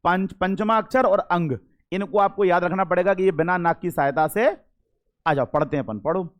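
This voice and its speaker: A man's voice: high voice, moderate pace. A man teaching a grammar lesson to a class. He sounds out vowels himself, repeats the key terms and keeps asking questions to check they follow. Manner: calls students "beta", demonstrates sounds aloud.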